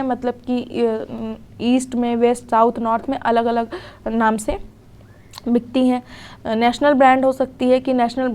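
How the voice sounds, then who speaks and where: A woman's voice: a little high, a little mellow, a little hiss or hum. Young woman teaching a recorded lecture. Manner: explains in Hindi, reads English definitions slowly, often adds "theek hai".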